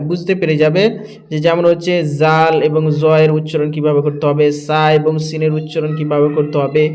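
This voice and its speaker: A man teaching Quran pronunciation, slowly drilling each Arabic letter sound over and over. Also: a little high, a little mellow. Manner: slow, repeating each letter sound several times.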